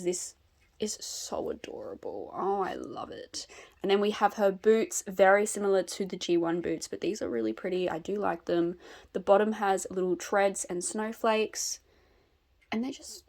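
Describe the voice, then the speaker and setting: Chatty young woman reviewing a doll. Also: mid-range voice. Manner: chatty, gushing, many fillers. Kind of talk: casual unboxing review.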